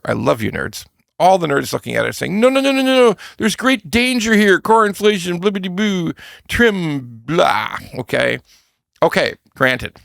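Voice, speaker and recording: Gravelly, blunt man. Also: medium pitch, a bit bright, no echo, studio quality. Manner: blunt, emphatic, mocking asides. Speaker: mortgage podcast host. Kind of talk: casual commentary.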